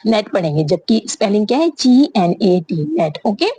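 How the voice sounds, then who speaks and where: A woman teaching a lesson in a mellow, slightly breathy voice, recorded close and dry. She keeps asking rhetorical questions and answering them herself. She spells words out slowly, one letter at a time. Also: mid-range voice, very animated, no echo. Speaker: English teacher. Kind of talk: spoken lesson.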